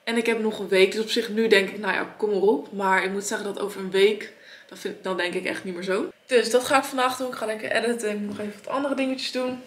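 A woman's voice: mid-range voice, fairly even intonation, quick pace. A young woman in her late teens, chatting upbeat and enthusiastic to a handheld phone camera in a family vlog. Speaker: family vlogger. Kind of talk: casual vlog chat to camera.

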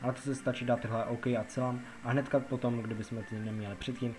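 With a flat delivery and a mid-range voice, a Czech gaming narrator wanders through a tutorial, restating things and filling gaps with filler words. Music plays behind his voice.

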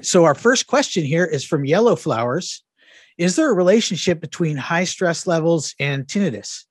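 Host man with a husky voice, dry. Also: on the high side, expressive, normal speed, no room sound. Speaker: channel host. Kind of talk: scripted introduction.

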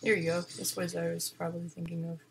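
A woman giving casual game commentary, swinging from panicked shrieks and swearing to low muttering. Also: little pitch movement, fast, vocal fry, a little hiss or hum. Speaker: gaming video host.

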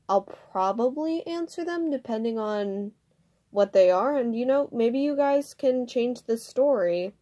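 A woman introduces her own fan fiction in a casual ask-blog style. She speaks slowly with a dark, mellow tone, relaxed and a little hesitant, with many fillers along the way. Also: mid-range voice, muffled recording. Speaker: fan fiction author and reader.

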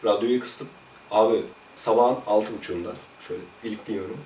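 A man, a former police officer, telling casual stories about his time on duty in a lively, chatty way. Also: fairly low pitch, fairly quick, roomy sound, recorded from a distance, slight background noise. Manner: lively, chatty, jumps between anecdotes. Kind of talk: casual anecdotal storytelling.

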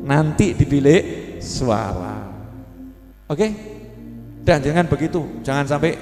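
A man's voice: a little high, expressive, slow, darkish tone. A man with a Javanese accent giving a folksy, humorous sermon to a congregation. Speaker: preacher. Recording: echoey hall with music.

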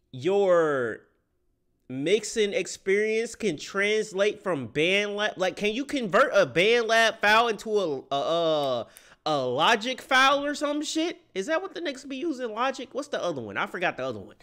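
A young man talks casually on his stream, his voice sitting a little high for a man. He wonders aloud in loose, slang-heavy talk full of swearing. He is close to a desk microphone in a small room at home. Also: fairly bright tone. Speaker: streamer reacting to music. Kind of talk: casual reaction commentary. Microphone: close studio microphone on the desk.

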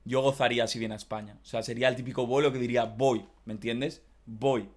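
A man with a Valencian Spanish accent, hosting a casual music reaction and excitedly repeating his praise in slang. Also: medium pitch, quick pace. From Spain. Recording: loud music playing behind.

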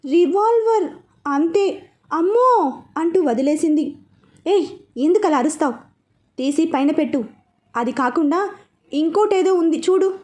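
High-voiced woman narrating a romance story. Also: darkish tone. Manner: reads every part herself, quick shifts into characters' lines.

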